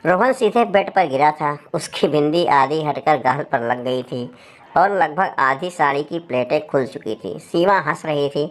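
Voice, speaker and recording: A woman telling a story aloud with a steady, expressive read. Her voice sits low for a woman. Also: a little slow. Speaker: story narrator. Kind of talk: storytelling narration.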